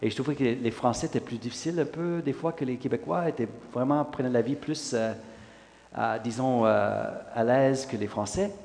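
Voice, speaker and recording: Older pastor guy from western canada, english his first language, animated sermon, big church reverb. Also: mid-range voice, moderate pace, gravelly. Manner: animated, rising in emphasis, frequent "là" fillers. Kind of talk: testimony sermon. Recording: long hall reverb.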